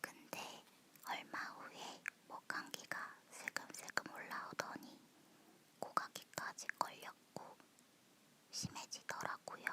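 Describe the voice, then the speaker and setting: Slow, leaning-in whisper from a woman. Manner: soft close whisper, as if leaning in. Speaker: ASMR host. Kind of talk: whispered ASMR personal chat.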